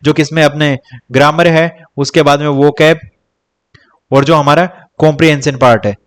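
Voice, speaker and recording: A young man coaching students for a teaching exam in an easygoing lecture. His voice sits a touch high for a man. He repeats himself, counts off topics one by one and calls his viewers "bhai". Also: steady tone, normal speed. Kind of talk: casual Hindi-English exam coaching lecture.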